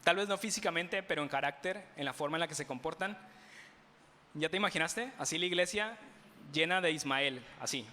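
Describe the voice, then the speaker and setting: Mexican pastor preaching in a reverberant hall. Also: male voice, on the high side, a little fast, slight background noise. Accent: Mexican Spanish. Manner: asks the congregation rhetorical questions, with playful humor. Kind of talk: sermon. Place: church sanctuary. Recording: bright voice with long hall reverb.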